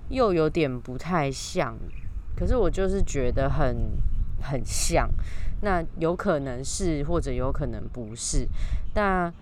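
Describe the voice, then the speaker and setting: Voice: medium pitch, expressive, unhurried. A podcast host with a Taiwanese Mandarin accent chats casually alone, speaking through a face mask that slightly muffles the words. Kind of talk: casual solo podcast talk. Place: outdoors in a park. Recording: outdoor recording with faint background noise. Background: faint natural ambient sound.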